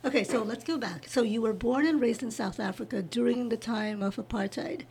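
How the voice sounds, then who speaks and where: A woman hosting an interview podcast, reading a scripted guest introduction and then asking questions in a soft, encouraging way. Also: fairly high pitch, brisk, vocal fry, a little hiss or hum. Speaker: podcast host.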